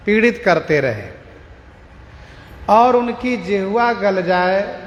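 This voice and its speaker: A man giving a devotional scripture discourse, explaining verses slowly and repeating lines for emphasis. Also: sits high. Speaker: scripture expounder. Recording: echoey hall with long reverb and faint noise.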